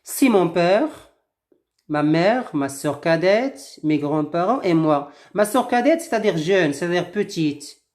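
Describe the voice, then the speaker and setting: A woman teaching a language lesson, reading a short text aloud and explaining each new word slowly, rephrasing it with several synonyms. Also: fairly low pitch, animated, a little mellow. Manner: slow and deliberate, repeats and rephrases words with several synonyms. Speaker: French teacher.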